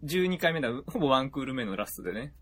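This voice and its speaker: A man's voice: medium pitch, very animated, rapid-fire, crowd noise. A man chatting casually as a podcast host, recorded on a smartphone. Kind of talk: casual chat. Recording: faint noise, phone recording.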